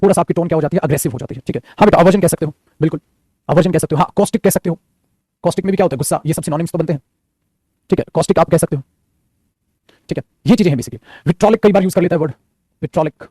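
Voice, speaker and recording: Male teacher for an online vocab class, slightly high voice, rapid and repetitive delivery. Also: mellow, no echo. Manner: rapid, repeats phrases, calls students "beta".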